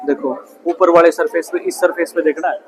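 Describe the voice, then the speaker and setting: A man's voice: on the high side, little pitch movement, brisk, crowd noise, low-quality recording. A male science teacher giving a classroom physics lesson, asking the class questions and answering them himself, then calling students up one by one. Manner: often ends lines with "bhai"; calls students up one by one to look. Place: school classroom.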